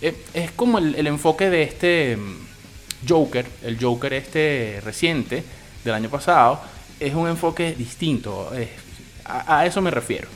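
A man's voice: on the high side, animated, a little slow. A man with a Venezuelan Spanish accent giving a loose, opinionated film review, swearing casually as he talks.

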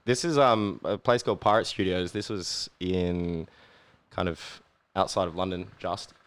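A young man with an Australian accent and a low voice talks in a relaxed, rambling way, full of fillers and casual swearing. The sound is dry and close, with no room echo. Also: unhurried, smooth. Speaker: guest. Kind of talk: casual chat.

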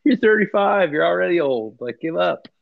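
A man's voice: high voice, expressive, brisk, creaky, dry recording, phone-quality sound. A man in his thirties co-hosting a podcast, chatting casually with loose, profane banter. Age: 30s. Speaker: podcast co-host. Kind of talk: casual chat.

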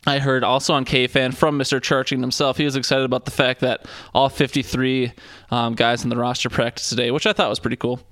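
A man's voice: medium pitch, level tone, fairly quick, a bit bright, no room sound, studio quality. A man co-hosting a casual sports podcast, rambling through the games with many fillers and restarts. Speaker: podcast co-host.

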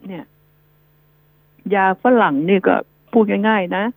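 A woman's voice: mid-range voice, slow, no room sound, narrow, tinny audio. A woman hosting a radio news show, giving chatty, rambling advice to her listeners. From Thailand. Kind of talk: casual radio talk.

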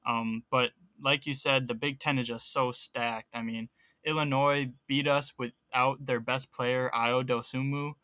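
A young man co-hosting a podcast, talking college basketball in a relaxed way with lots of ums. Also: mid-range voice, measured pace, dry recording. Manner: relaxed, filler-heavy talk. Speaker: podcast co-host. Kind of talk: casual sports chat.

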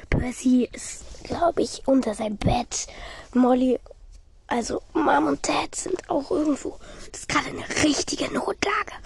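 A woman's voice: high-pitched, fairly even intonation, a little slow, creaky. A woman whispering conspiratorially while improvising a fan role-play podcast. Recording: noisy home recording.

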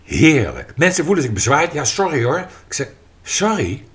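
Animated man in lively podcast talk. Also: on the high side, moderate pace, breathy edge. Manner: animated, emphatic, acts out quoted dialogue. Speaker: podcast guest and writer.

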